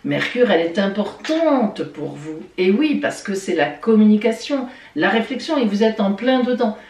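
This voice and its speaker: Lively, playful French-speaking woman. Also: mid-range voice, moderate pace, far from the mic, slight background noise. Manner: playful, expressive, chatty with listeners. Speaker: astrologer giving weekly horoscopes. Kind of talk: casual horoscope reading. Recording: roomy sound from off-mic.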